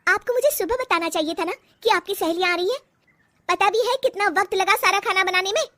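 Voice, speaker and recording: A woman's voice: very high voice, brisk, background noise, pitched above the performer's own voice. A woman voicing an unhappy young wife, a frustrated painter, who turns curt, angry and tearful. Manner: sulky, then sobbing and pleading.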